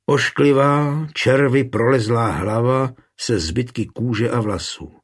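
A man reading a historical novel aloud as audiobook narrator, in steady, measured storytelling. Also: medium pitch, breathy edge. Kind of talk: scripted narration.

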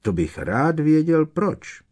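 A man's voice: fairly high pitch, sing-song, a little mellow, pitched above the performer's own voice. A man voicing a grown wizard on the run who speaks in a grave, thoughtful way.

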